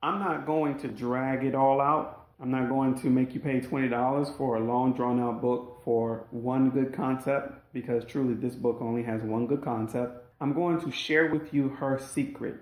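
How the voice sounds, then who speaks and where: A man's voice: mid-range voice, steady tone, moderate pace, hardly any pauses, a little mellow. A man narrating his own audiobook in an emphatic, dramatic storytelling manner. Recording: roomy echoey recording.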